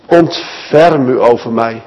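A man voicing a blind male beggar who cries out desperately for help, in a high, loud, drawn-out pleading voice. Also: big-room sound, muffled recording.

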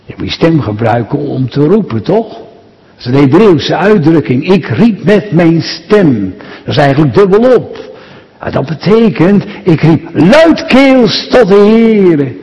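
A pastor preaching a sermon, speaking slowly and with emphasis and addressing the congregation directly. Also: male voice, on the high side, very animated, mellow. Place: church. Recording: dull sound with long church reverb.

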